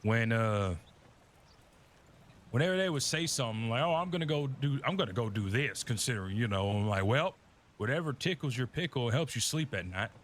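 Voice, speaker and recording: A man's voice: mid-range voice, lively intonation, a little fast, slight background noise. A man in a Western role-play game, telling folksy stories full of rural sayings and mock voices.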